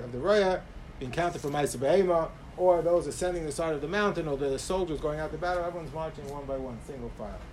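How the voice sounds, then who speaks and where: High-pitched man preaching, emphatic. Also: rough recording. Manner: emphatic, swinging between raised stress and softer asides. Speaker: rabbi giving a religious talk. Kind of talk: sermon, Torah lecture with Hebrew quotations. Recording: clear background noise.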